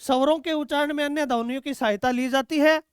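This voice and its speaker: A man's voice: very high-pitched, steady tone, fast talker, no echo, studio quality. A male teacher taking students through exam quiz questions, asking questions and answering them himself and calling students "beta". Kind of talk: exam-prep quiz lesson.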